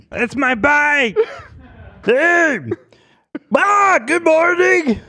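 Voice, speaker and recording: A man voicing a goofy, squeaky, high-pitched man. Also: sing-song, extremely slow, sharp tone, exaggerated voice. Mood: giddy.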